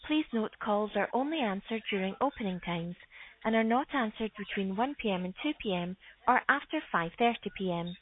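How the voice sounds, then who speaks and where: Woman on a tinny phone line. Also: medium pitch. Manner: calm, measured, formal. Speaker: phone system announcer. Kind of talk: recorded phone menu announcement. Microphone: phone line playback.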